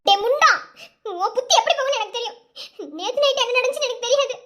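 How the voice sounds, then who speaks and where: A woman's voice: extremely high pitch, fast talker, sharp tone. A woman voicing a flustered, teasing young woman in a cartoon, whiny and giggly, with a Madurai Tamil accent. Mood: whiny tearful. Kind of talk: cartoon voice acting.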